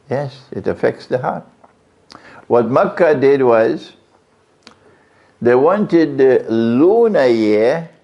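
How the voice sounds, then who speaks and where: A man's voice: vocal fry, a little mellow. A man preaching a sermon, questioning his audience often. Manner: questions the audience, varies his pitch widely. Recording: lo-fi, dull sound.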